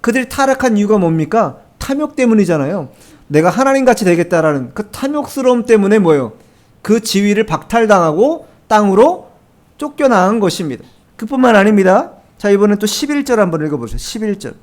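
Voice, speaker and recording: A very animated male pastor preaches his Sunday sermon a little fast, his notably high voice carrying a slightly mellow quality. Speaking to the congregation in a church sanctuary, he hammers his points with rhetorical questions and emphatic repetition of key phrases.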